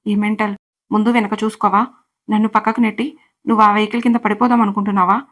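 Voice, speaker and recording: Young male boss, stern, even flat reading by a woman narrator, curt. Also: medium pitch, quick pace, natural voice. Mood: angry. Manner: questioning, curt.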